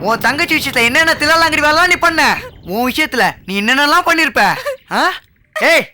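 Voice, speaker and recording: Sneering husband, sharp bright voice, kinda high, music under it. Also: male voice, animated, racing, a little hiss or hum, heavily acted. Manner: sneering, taunting. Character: scornful husband accusing pregnant wife. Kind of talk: TV serial acting.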